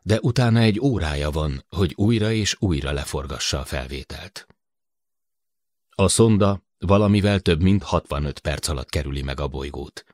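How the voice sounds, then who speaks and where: A man from Hungary narrating a science fiction audiobook in a measured, even storytelling manner. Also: rumbling low, no echo, studio quality. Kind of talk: scripted narration.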